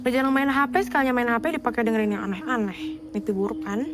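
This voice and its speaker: A woman's voice: fairly high pitch, fast, lightly acted. An actress playing a playful young woman boarding-school student who teases and giggles in a film scene.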